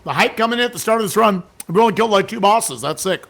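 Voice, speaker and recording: A man hosting a charity livestream, excitable, reading donations aloud and reacting loudly. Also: high voice, fast talker, creaky. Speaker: charity stream host. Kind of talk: casual livestream chat.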